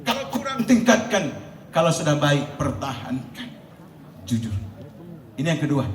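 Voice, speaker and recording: Animated preacher in an echoey hall. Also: male voice, medium pitch, slight background noise. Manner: storytelling, animated, laughing between lines. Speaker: preacher at a school Ramadan program. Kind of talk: sermon to students. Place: school hall. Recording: echoey room with faint ambience.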